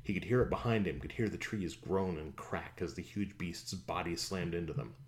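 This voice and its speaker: A man with a low-pitched voice narrates a fantasy audiobook at a moderate pace, telling the story in a steady, even way.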